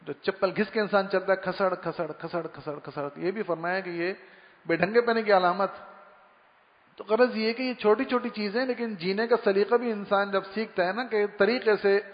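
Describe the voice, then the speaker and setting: A man's voice: sits high, steady tone. A man giving a conversational Islamic sermon on manners, telling stories and imitating everyday sounds as he goes. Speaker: Islamic preacher. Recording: dull recording in a long-reverb hall.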